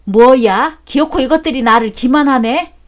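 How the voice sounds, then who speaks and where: A grumpy older father-in-law, put on by a woman reading the story, scolds his children in a loud, raised voice. The voice sits fairly high, and the story is read as a storybook drama. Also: measured pace, close to an everyday voice. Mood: scolding.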